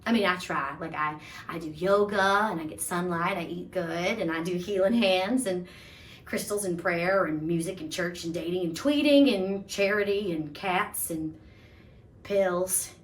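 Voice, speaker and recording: A woman's voice: on the low side, a little slow, recorded from a distance, natural voice. A woman playing a sincere, gushing young woman in an audition monologue. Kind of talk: audition self-tape monologue.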